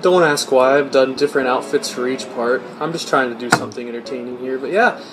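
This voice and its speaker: A man's voice: mid-range voice, brisk, low-quality recording. A young man making a casual cooking vlog at home, joking and mocking himself. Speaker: YouTuber. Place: home kitchen. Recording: music playing underneath.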